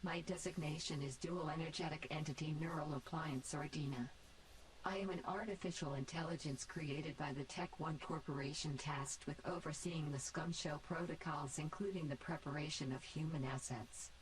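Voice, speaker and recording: A low, robotic female AI overseer from a video game. She makes formal, clipped announcements in a cold, controlled tone. A faint hiss sits under her processed voice. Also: steady tone, moderate pace, low-quality recording. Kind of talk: game character dialogue.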